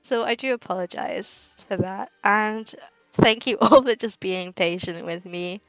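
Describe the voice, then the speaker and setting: A woman's voice: mid-range voice, a little slow, fairly bright tone, no echo, rough recording. A young woman livestreaming and chatting casually with viewers, giggly and rambling, often laughing mid-sentence.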